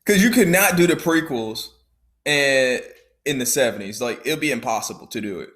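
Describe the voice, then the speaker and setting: A man's voice: medium pitch, lively intonation, moderate pace, fairly bright tone. A young man chatting casually on a podcast, swearing freely and acting out quotes with lots of laughter. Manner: profane, laughs a lot, acts out quotes. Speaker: podcast host. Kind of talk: casual chat.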